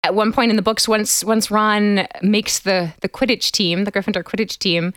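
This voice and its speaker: A woman co-hosting a podcast in an easy, chatty way, walking through details and laughing every so often. Her voice is dry and close, with a middle pitch. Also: steady tone, normal speed, fairly bright tone, no room sound. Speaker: podcast co-host. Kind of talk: casual podcast chat.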